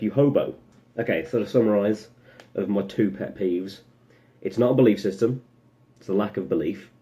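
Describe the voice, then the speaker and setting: A man's voice: on the low side, dark tone. A young man giving a casual opinion monologue as a vlogger, rambling and sarcastic, breaking off into asides. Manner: rambling, sarcastic, full of self-interrupting asides.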